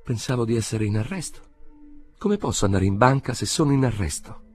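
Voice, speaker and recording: A man's voice: medium pitch, expressive, a little fast, a little mellow, faint music behind, pitched above the performer's own voice, natural voice. A man reading an audiobook voices an arrested man protesting his treatment in a raised, agitated voice. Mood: incredulous.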